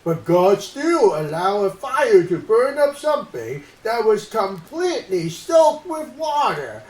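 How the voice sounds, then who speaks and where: A woman voicing a timid, science-loving monkey uncle in a children's puppet show, telling stories with deliberate expression. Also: mid-range voice, big pitch swings, a little mellow, breathy edge, heavily acted. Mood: earnest, explaining. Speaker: storyteller and co-host.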